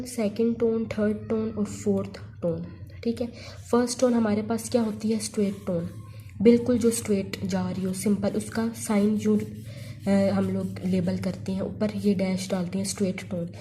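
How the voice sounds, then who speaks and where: A woman's voice: mid-range voice, warm tone, slight background noise. A woman teaching an online language lesson, patiently repeating points and mixing in English terms. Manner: mixes Hindi-Urdu with English terms.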